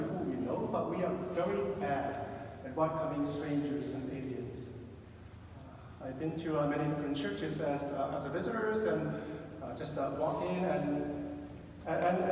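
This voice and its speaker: A middle-aged South Korean pastor with a Korean accent preaches a sermon in a large church sanctuary, telling stories conversationally with wry humor and frequent fillers. His voice is on the high side, a little mellow, at a moderate pace. The recording sounds distant and echoey, with slight background noise.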